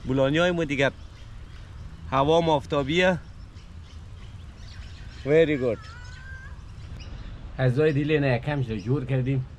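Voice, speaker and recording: Outdoors at a park picnic, this vlogger in his thirties talks to the camera in a chatty, easygoing manner while cooking and sampling the food, his speech carrying an Afghan Dari accent. His mid-range voice pauses often, and a little hiss or hum is audible.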